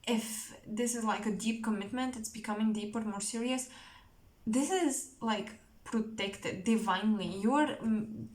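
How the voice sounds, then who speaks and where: A woman giving an intuitive tarot reading straight to the viewer, halting and searching for words, earnest and emotional. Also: fairly high pitch, a little mellow, poor audio. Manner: slow, halting, searching for words with many restarts. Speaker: tarot reader.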